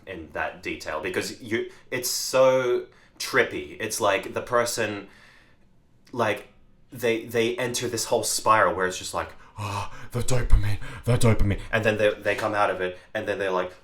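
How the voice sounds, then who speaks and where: Young male podcast co-host: low, forceful voice, lively and direct with the audience. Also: a little slow. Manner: animated, addresses viewers directly. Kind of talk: casual discussion.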